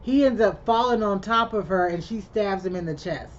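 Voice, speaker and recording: A woman's voice: medium pitch, normal speed. A woman casually recapping a movie for her channel, chatty and rambling, who keeps breaking in with her own reactions. The recording is a little muffled, with a faint hum underneath. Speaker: vlogger.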